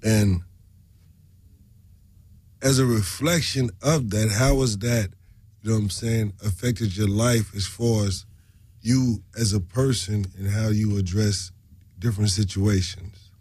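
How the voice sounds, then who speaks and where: A man's voice: lowish voice, fairly even intonation, measured pace, long pauses, darkish tone, no echo. A man hosting a casual studio interview, repeating himself and punctuating his talk with slangy check-in phrases. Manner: repetitive, punctuated with "you know what I'm saying". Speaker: interview host. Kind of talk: casual radio interview chat.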